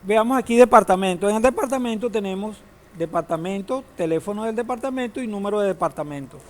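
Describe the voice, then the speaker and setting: Guy teaching database class, kinda high voice, quizzes the students, cracks jokes. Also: expressive, fast. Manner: asks the class questions, uses humor. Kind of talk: classroom lecture.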